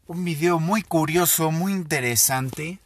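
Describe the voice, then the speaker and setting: Slow, husky-voiced man. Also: on the high side. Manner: slow, thoughtful, with pauses and fillers. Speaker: podcast host. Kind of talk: casual storytelling monologue.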